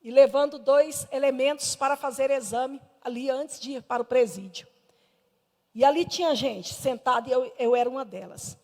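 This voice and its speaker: High-voiced fervent Brazilian woman preaching. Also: normal speed, big-room sound. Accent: Brazilian Portuguese. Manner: fervent, emphatic storytelling that swings between hushed and loud. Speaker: missionary preacher. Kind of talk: Sunday school sermon with personal testimony. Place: church hall.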